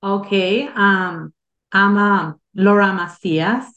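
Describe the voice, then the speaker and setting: A woman's voice: medium pitch, fairly bright tone. A woman in her forties from Mexico, speaking English as an over a video call, hesitant and careful with phrasing. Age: 40s. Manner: slow, hesitant, non-native phrasing. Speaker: interviewee, ESL student. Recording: dull lo-fi call audio.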